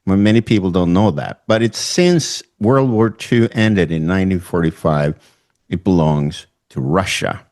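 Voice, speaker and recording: A Swedish-accented man with a very low voice hosts the interview. He talks slowly and haltingly, pausing often with fillers as he sets out his questions. He is middle-aged. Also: a little mellow. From northern Sweden. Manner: slow, halting, with many fillers. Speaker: host. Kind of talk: online interview.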